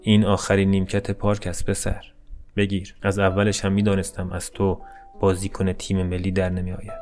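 A man's voice: low-pitched, completely flat delivery, a little mellow, soft background music, natural voice. A man voicing a brusque, impatient bus driver who talks curtly and dismissively. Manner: curt, dismissive.

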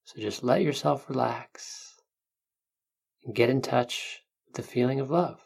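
Gravelly-edged, soothing meditation guide. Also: mid-range voice. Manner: soothing, unhurried, gentle instructions with long pauses. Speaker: meditation guide, podcast host.

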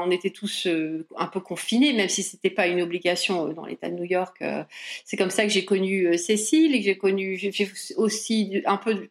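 A woman's voice: mid-range voice, reverberant. A French woman guest in a casual interview, talking with many hesitations and restarts. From France.

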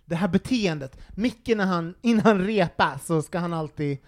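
A high-voiced man hosting a casual podcast. He rambles through his questions and laughs easily. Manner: chatty, rambling, laughs often. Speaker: podcast host.

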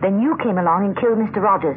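A thin, noisy vintage radio drama recording. An actress plays a self-possessed married woman, speaking directly and properly at a middle pitch. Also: racing, close to an everyday voice. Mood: insistent, bargaining. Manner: direct, well-spoken. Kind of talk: 1970s American radio drama acting. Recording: noisy, narrow-band old radio recording.

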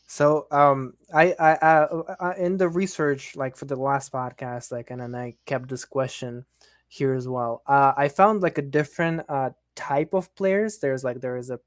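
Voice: medium pitch, dry recording, studio quality. A podcast host in a casual interview, curious and leading with questions.

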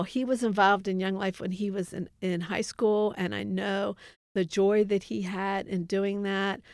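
A woman's voice: mid-range voice, a little mellow, no room sound, clean studio sound. A middle-aged woman giving a heartfelt faith testimony as an interview guest, earnest and reflective. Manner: earnest, reflective, quotes others in dialogue.

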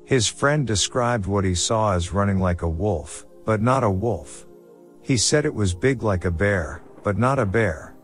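Low-voiced man narrating a horror story. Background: faint background music.

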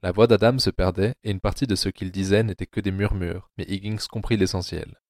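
A man reads a dark audio novel adaptation in a very low voice. His delivery is measured and grim, and the recording is dry and close with no room sound. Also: fairly even intonation, no echo. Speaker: narrator. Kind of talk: scripted audiobook narration.

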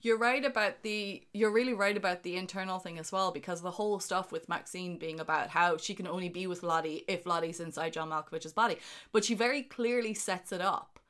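A woman co-hosting a casual film discussion podcast, enthusiastic and quick to laugh. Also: lowish voice, fairly bright tone. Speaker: podcast co-host.

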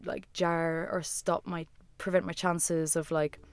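A woman's voice: fairly low pitch, level tone, takes it slowly. A woman, a musician and former designer, talking as a guest in a casual interview, rambling and full of "like" fillers. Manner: rambling, heavy use of "like" fillers.

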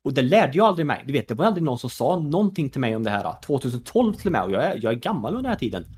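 A man's voice: medium pitch, sing-song, darkish tone, husky. A man from Sweden in his thirties, a former pro gamer turned esports executive, talking in a casual podcast conversation with lots of fillers and "you know" asides.

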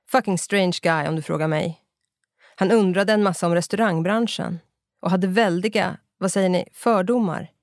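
In a studio-quality recording with no echo, a man with a high-pitched voice performs an audiobook character. He plays a chatty, middle-aged Scottish pub owner who speaks with a Scottish accent and drops English phrases into his talk.

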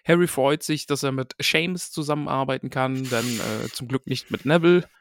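A man's voice: medium pitch, normal speed. A man hosting a casual book-discussion podcast, chatty and reading short passages aloud.

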